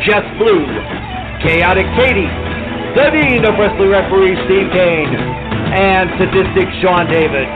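A loud, gung-ho man announces like a soldier rallying fans. His voice sits high and he draws words out slowly and forcefully. Music plays behind the tinny audio. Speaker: show announcer. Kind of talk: loud gung-ho soldier-style wrestling show intro.

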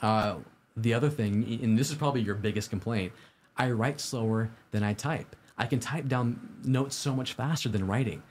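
A man's voice: mid-range voice, moderate pace. A man hosting a casual livestream, giving upbeat, tidy advice in an informal, conversational way straight to viewers. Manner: informal, conversational, posing questions to the audience. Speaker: host of a live-streamed IT study show.

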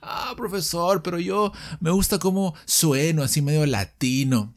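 A man's voice: on the high side, unhurried. A man voicing a whiny language student.

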